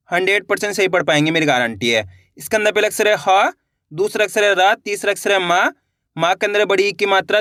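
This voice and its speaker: A man's voice: high voice, bright, forceful tone, no room sound, studio quality. A man teaching beginners to read, sounding out each syllable and then saying the whole word, and encouraging his viewers as friends. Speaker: Hindi reading teacher. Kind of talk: reading lesson for learners.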